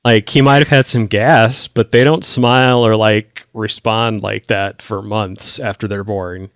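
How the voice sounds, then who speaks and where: A man's voice: lowish voice, steady tone, a bit bright, no room sound, clean studio sound. A man co-hosting a podcast, casually and sarcastically summing up the plot of a TV episode. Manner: sarcastic, recaps plot in quick summaries. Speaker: podcast co-host recapping episodes. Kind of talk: casual chat.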